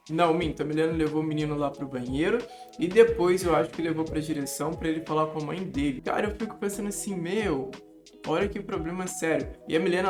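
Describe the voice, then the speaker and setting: A young man talking casually to camera as a study coach, animated and emphatic, often calling the viewer "cara". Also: a little high.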